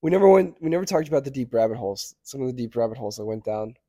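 Mellow-voiced man in casual podcast chat. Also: medium pitch, expressive, rapid-fire. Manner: hesitant, laughs often, trails off. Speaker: podcast co-host.

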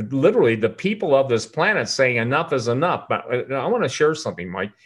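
An older man giving an impassioned, alarmist interview monologue in an emphatic, conspiratorial rant. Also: medium pitch. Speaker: talk show guest, preparedness author.

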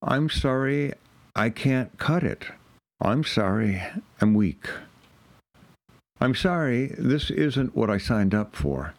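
A man's voice: mid-range voice, expressive, takes it slowly, long pauses. A man giving a dramatic reading in the voice of a weary, burnt-out emergency doctor who apologizes over and over, in a heavy, repetitive litany. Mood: weary, despairing.

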